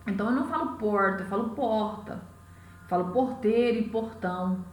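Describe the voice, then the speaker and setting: A woman's voice: on the high side, animated, fast talker, a little mellow, a little hiss or hum. A woman from Goiás with a Goiás accent, teaching an exam-prep class step by step and often checking in with "né?" and "tá?". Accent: Goiás Brazilian Portuguese. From Goiás, Brazil. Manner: explains step by step, often asks "né?" and "tá?". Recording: echoey room, mic at a distance.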